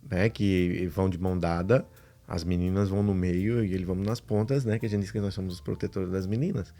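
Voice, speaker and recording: A man's voice: low voice, steady tone, brisk, warm tone. A man, co-hosting a casual parenting chat and speaking earnestly with restarts. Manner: earnest, with many restarts and quoted questions to his son. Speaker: co-host.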